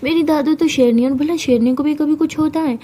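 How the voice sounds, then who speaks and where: A gentle young woman who calms everyone down, as a woman storyteller plays her. Her reassurance comes in a high, mellow voice. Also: a little fast, slight background noise, natural voice. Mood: caring. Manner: soothing, reassuring. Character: caring, soothing young woman.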